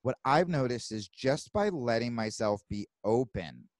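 Male podcast host, animated casual talker, swears a lot. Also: medium pitch, dry recording. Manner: animated, swearing, quick asides. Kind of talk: casual chat.

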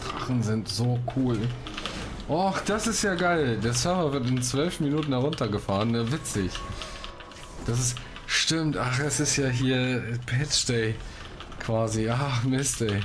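Over music, a man speaks in a mid-range voice at a measured pace, casually commentating on a game and reading out quests. His talk is informal and full of sudden exclamations. It's a clear home recording with some background noise and typing audible.

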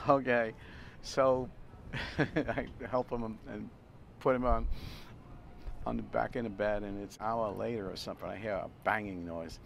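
At an outdoor grill, an older man hosting a cooking video rambles chattily through a long anecdote with frequent chuckles and repeated words. His voice is lowish and creaky, with a steady tone and measured pace. Passing traffic and outdoor ambience make the recording noisy.

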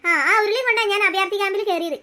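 A fiery old grandmother from a cartoon story, as a voice actor puts her on, who scolds and threatens at speed. The voice sits extremely high and bright, and the lines tumble out fast. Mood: angry. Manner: scolding, threatening, quick-talking. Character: hot-tempered old grandmother, possessive and shouting.

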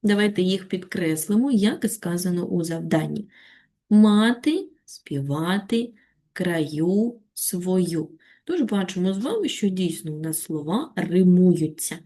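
A woman with a Ukrainian accent teaching a children's reading lesson on video, reciting a poem slowly and expressively, then patiently guiding the class. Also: on the low side. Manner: slow, expressive poetry recitation. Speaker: primary school teacher.

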